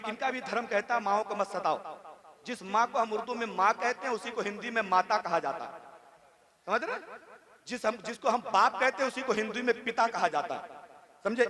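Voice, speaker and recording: Male preacher, sermon at a live gathering, high-pitched, chants verses sing-song, loud crowd behind. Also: brisk. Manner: calls the crowd to respond, swings from quiet chatty asides to shouting. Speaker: Islamic preacher. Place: large religious gathering with a crowd. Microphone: stage microphone on a public address system. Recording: live crowd audible throughout.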